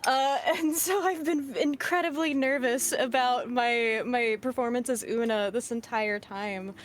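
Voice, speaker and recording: Woman, voice-actor guest on a stream; slightly high voice, chatty, self-effacing, excitable. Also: unhurried, a little hiss or hum. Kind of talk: casual chat on a livestream.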